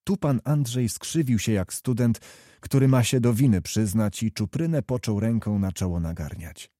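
Male audiobook narrator, measured literary read, mellow tone, dry booth sound. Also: lowish voice, no room sound.

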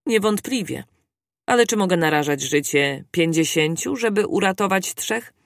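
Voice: medium pitch, animated, moderate pace, gravelly, dry recording, studio quality. A reader voicing a dutiful army commander of a fort who speaks formally. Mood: formal firm.

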